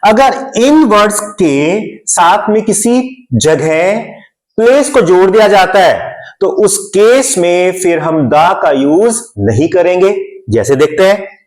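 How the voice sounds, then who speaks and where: A man from India gives a grammar lesson at a deliberately slow pace, walking through each point step by step. His voice sits a little high for a man. He says each term in both Hindi and English. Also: expressive, poor audio. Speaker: English teacher.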